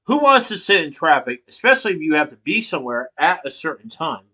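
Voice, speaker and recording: A student delivers a persuasive class speech in a small indoor room, partly from notes, captured by a laptop webcam from below. His bright voice is on the high side, very animated and brisk, and he leans on rhetorical questions and emphatic hand gestures.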